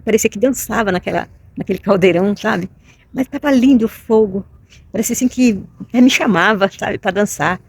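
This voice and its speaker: A woman's voice: mid-range voice, darkish tone, breathy edge. A middle-aged woman with a Brazilian Portuguese accent, telling a personal story to camera in an emotional, repetitive way, often asking "you know?". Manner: emotional, repetitive, with many tag questions. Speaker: vlogger.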